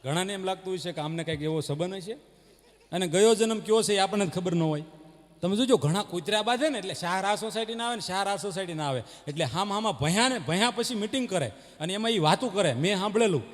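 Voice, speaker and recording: A man's voice: sits high, lively intonation, fast talker. A man telling jokes live on stage. He acts out the people in his stories and barks like a dog. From Gujarat, India. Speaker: stage comedian at a devotional folk gathering. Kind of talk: live stand-up joke telling. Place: live stage before a crowd. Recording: long reverb of a live PA.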